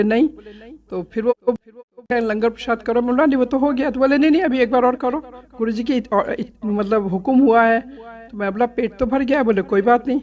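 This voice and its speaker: A middle-aged woman telling a devotional story from a satsang visit, animated and laughing, acting out many quoted exchanges. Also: on the high side, muffled recording. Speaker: devotee sharing a satsang experience. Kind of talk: storytelling testimony.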